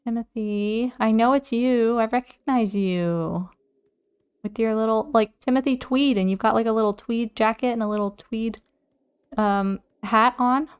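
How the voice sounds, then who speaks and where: A woman's voice: on the high side, a little slow, smooth. Chatty woman narrating her gameplay. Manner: chatty, talks to herself, easily excited. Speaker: let's play host. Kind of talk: casual gameplay commentary.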